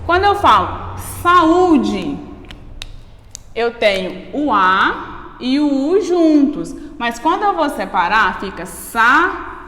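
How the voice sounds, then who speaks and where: A woman with a Brazilian accent gives a grammar lesson at an unhurried, deliberate pace, breaking words into syllables and asking "ok?" along the way. Her voice sits a little high. The room rings with echo and a long reverb tail. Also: very animated, fairly bright tone. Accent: Brazilian Portuguese. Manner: slow, spells out syllables, checks with "ok?". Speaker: teacher.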